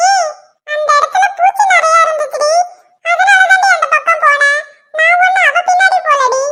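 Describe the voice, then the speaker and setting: A woman's voice: very high-pitched, moderate pace, sharp tone. A woman voicing a henpecked male lizard who coaxes and pleads with his wife in a cartoon. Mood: pleading. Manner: pleading, coaxing. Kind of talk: cartoon voice acting.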